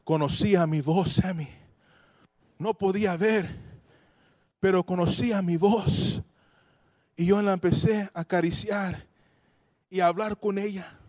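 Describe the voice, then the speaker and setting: A man's voice: high-pitched, steady tone, a little slow, long pauses, a little mellow, no echo, clean studio sound. A man preaching a sermon to his congregation, telling stories animatedly, acting out voices and dropping English phrases into his talk.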